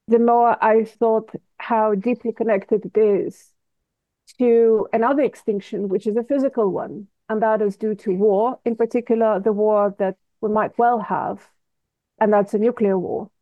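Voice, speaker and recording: A woman in her fifties from Russia, speaking English with a Russian accent as an interview guest, measured and deliberate, searching for words. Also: a little high, no echo. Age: 50s. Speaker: guest artist. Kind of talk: interview answers. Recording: tinny phone-like line, dry.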